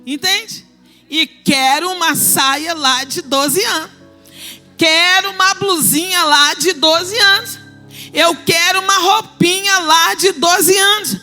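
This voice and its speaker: High, bright-voiced woman preaching emphatically. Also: slow, faint music behind. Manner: emphatic, swings from soft asides to shouted declarations. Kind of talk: sermon. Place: church.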